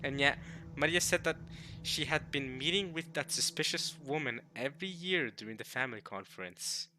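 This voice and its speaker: A streamer who speaks English as a second language plays a visual novel, giving casual, rambling commentary and reading the game text aloud. His slightly high voice moves at a moderate pace, with repeats, rephrasings and excitable bursts, over game music.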